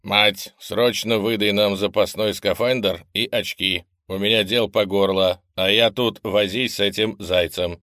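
A man voicing a coarse, rude male worker robot who scolds loudly. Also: lowish voice, steady tone, a little slow, few pauses, dry recording, studio quality. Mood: brusque.

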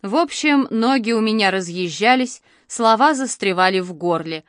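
A woman narrating a first-person novel in a measured, expressive storytelling voice. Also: mid-range voice, no room sound, clean studio sound. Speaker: audiobook narrator.

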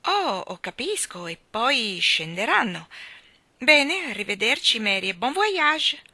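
A woman voicing a stiff, thin, ceremonious gentleman in a storybook reading, speaking fussily and formally. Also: a little high, very animated, takes it slowly, dry recording, pitched above the performer's own voice, full character voice. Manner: fussy and formal.

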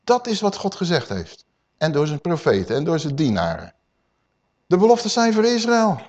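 A man preaching a sermon, emphatic and swinging between loud and hushed, calling his listeners dear people. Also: a little high, wildly swooping pitch, normal speed, highs cut off.

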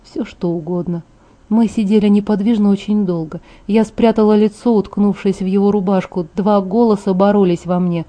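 A woman narrating a first-person audiobook in a quiet, intimate way. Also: medium pitch, flat delivery, fairly quick, few pauses.

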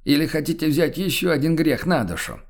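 A man's voice: fairly high pitch, sing-song, a little fast, pitched above the performer's own voice. A man voicing an indignant self-righteous merchant in an audiobook, scolding sharply. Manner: outraged, scolding.

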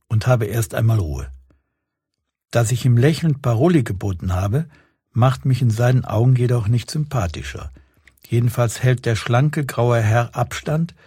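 A man reads his own reportage aloud in a sober, measured way with a wry edge. His voice is strongly husky and darkly mellow. The recording is close and dry. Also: medium pitch, no echo. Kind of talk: scripted first-person narration.

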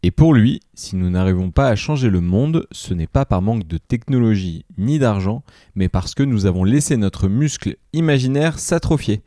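A man with a French accent hosting a podcast, reading a lively intro and then asking questions in halting English. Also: fairly low pitch, dry recording, studio quality. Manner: enthusiastic, hesitant when speaking English. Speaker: podcast host. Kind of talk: scripted podcast intro and interview.

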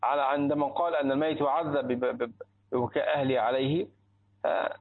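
A man's voice: medium pitch, steady tone, brisk. A man with an Egyptian accent gives a religious lesson on a hadith text, often posing a question and answering it himself. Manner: asks rhetorical questions and answers them himself. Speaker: Islamic teacher explaining a hadith text. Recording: tinny phone-like recording.

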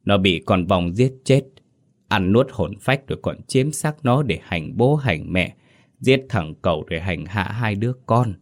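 A man's voice: fairly low pitch, animated, a little slow. A man voicing the ghost of a grieving old woman who speaks through a possessed body, trembling and sobbing as she pleads. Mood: sorrowful.

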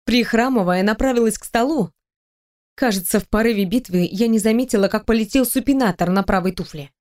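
A woman reading a first-person romantic comedy audiobook with wry, expressive storytelling. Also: a little high, brisk. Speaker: audiobook narrator. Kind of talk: first-person scripted narration.

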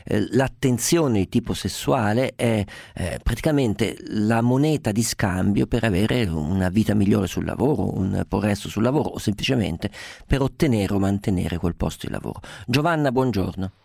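A man's voice: lowish voice, moderate pace, creaky, dark tone, dry recording, studio quality. A man hosting a radio phone-in show, wordy and ironic, with frequent fillers. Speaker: radio talk show host.

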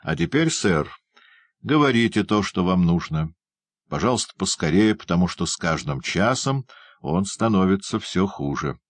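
A man voicing a stern, brisk male jailer who speaks firmly. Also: sits low, sing-song, no echo, heavily acted. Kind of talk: audiobook character voice.

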